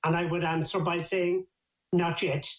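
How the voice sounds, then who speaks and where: An older man with an Irish accent, a traditional storyteller with a lilting, unhurried delivery and dry wit. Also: fairly high pitch, little pitch movement. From Ireland. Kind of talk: storytelling in conversation. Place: at home, over a video call. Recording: echoey, dull video-call audio.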